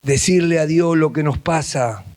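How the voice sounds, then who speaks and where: A man with an Argentine Spanish accent preaching a sermon at a church camp, moving between hushed intimate passages and raised emphatic ones. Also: a little high, a little slow. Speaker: pastor.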